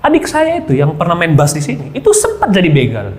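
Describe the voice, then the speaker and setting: A man preaching a sermon, often calling out to the congregation and dropping to quiet asides. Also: fairly high pitch, huge pitch swings, quick pace, a little hiss or hum. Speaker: pastor. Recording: long hall reverb, faint background ambience.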